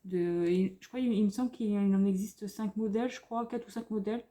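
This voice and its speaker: A French woman rambles happily through a haul in front of a camera on a tripod, gushing over every cute item. Her voice is mellow and soft-edged, full of fillers and restarts. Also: mid-range voice, fairly even intonation, a little fast. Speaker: craft vlogger showing a haul. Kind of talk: casual haul commentary.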